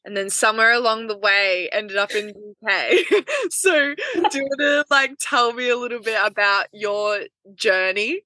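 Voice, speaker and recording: A woman's voice: medium pitch, moderate pace, pushed and bright, dry recording. A woman interviewer asking long, rambling questions full of "like" and "kind of.".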